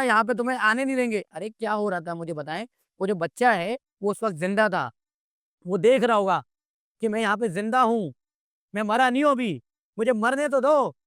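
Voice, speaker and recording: A man's voice: sits high, fairly bright tone, clean tone, dry recording, studio quality. A man, speaking as an interview guest in a heated, exasperated way and firing off rhetorical questions. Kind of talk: impassioned interview commentary.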